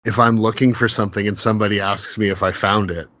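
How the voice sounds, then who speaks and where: A man's voice: on the low side, steady tone, quick pace, bright, forceful tone, no echo. Man with a dry, close podcast voice. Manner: enthusiastic, quotes lines, repeats words. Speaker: podcast co-host. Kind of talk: casual chat.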